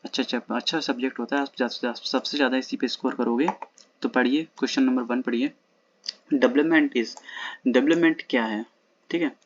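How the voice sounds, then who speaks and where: In a muffled recording made at home at night, a man teaching exam prep reads old English exam questions slowly, then explains them quickly in Hindi in a casual lesson. His medium-pitched voice keeps a fairly even intonation.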